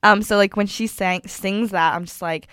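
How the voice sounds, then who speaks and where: A woman's voice: mid-range voice, fairly even intonation, moderate pace, a bit bright, clear, resonant tone, no echo, studio quality. A young woman in her twenties co-hosting a college radio show, chatting casually about music with many fillers and frequent laughs. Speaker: radio co-host.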